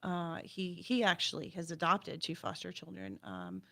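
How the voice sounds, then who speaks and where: A woman guest on a radio interview, calmly explaining event details and the cause behind it. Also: on the low side, moderate pace, creaky. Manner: steady, explanatory, gives details.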